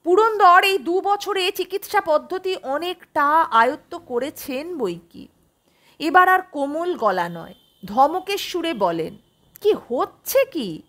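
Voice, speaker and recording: Rich: A woman reading a suspense story aloud with expressive storytelling. Her voice sits very high and moves a lot, slow and bright. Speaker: narrator. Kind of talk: scripted audiobook narration.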